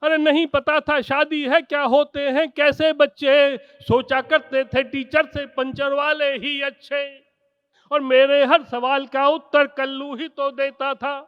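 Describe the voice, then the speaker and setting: A man recites comic verse in a very high, strained-up register, with lines running on breathlessly. His pitch stays on a narrow, chanting level while he delivers it emphatically and theatrically. The recording is a little dull and lo-fi. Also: level tone, slow, big-room sound. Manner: emphatic, theatrical, addressing the audience. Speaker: poet reciting on stage. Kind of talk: rhythmic Hindi comic poetry recitation.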